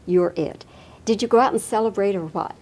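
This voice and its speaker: A woman's voice: medium pitch, brisk, darkish tone, breathy edge. A woman interviewer asking friendly, chatty questions in a conversational interview. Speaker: entertainment interviewer.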